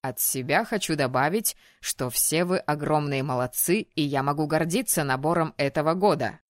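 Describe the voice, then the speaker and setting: A woman's voice: low voice, dry recording, clean studio sound, pitched below the performer's own voice, lightly acted. Woman voicing a stern male dean. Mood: proud. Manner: formal, measured announcements. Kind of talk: audiobook character voice.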